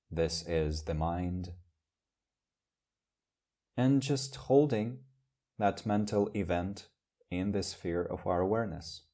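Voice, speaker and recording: This man, low-pitched and calm, leads a guided meditation as a teacher, with soft, deliberate phrasing and lengthy silences between lines.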